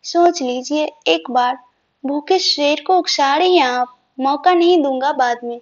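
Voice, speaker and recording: Tender teasing young husband, read by a woman storyteller, high voice, dull recording. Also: a little slow. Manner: tender, coaxing.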